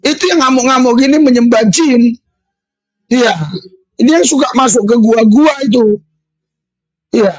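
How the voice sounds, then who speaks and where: A middle-aged man, a pastor, talking in an animated, informal preaching style to his listeners. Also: extremely high pitch, a little slow, pauses often, no echo, dull audio. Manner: animated, addresses listeners as brothers.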